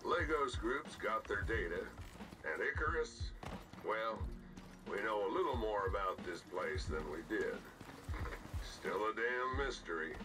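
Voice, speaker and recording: A man voicing a terse mission controller in a game, speaking in a brisk, matter-of-fact way. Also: fairly low pitch, lively intonation, over music.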